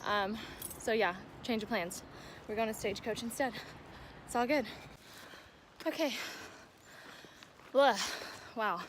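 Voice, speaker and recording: Taking it slowly and pausing often, a young American woman with a slightly high voice records a casual trail vlog outdoors while walking. She's chatty and informal, interrupting herself to speak to her dog, and the background is noisy.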